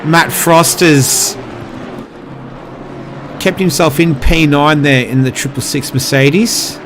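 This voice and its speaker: Higher-voiced man calling a motor race. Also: fairly even intonation, takes it slowly, background noise. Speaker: motorsport commentator. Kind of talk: live motorsport race commentary, casual.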